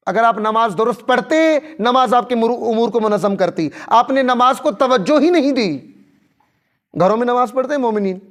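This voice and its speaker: High-voiced man preaching emphatically. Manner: rhetorical questions, emphatic. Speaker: cleric. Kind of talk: Shia sermon.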